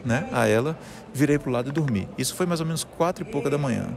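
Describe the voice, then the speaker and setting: With music behind him and crowd noise around, a middle-aged musician and conductor from Salvador, Brazil, earnestly shares his personal story as an interview guest, often restarting what he says. He talks fast and animatedly in a mid-range voice with vocal fry.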